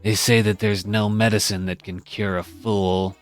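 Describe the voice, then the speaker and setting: A man's voice: fairly low pitch, flat delivery, normal speed, soft background music, close to an everyday voice. A man voicing a blunt, demanding old potion-shop crone in an amateur video game voice-over. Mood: scornful. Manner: blunt, commanding.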